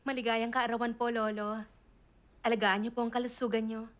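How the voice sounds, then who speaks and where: Prim young noblewoman, dub actress, high and courteous. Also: level tone, a little fast, a bit bright, lightly acted. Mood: polite. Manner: formal, polite speech. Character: young noblewoman out of time, formal and flustered. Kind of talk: Tagalog drama dub.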